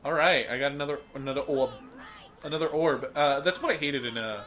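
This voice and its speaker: A man's voice: fairly high pitch, animated, fairly quick, bright, forceful tone. A man co-hosting a casual gaming podcast, easygoing and giggly, often trailing off mid-sentence. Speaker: co-host.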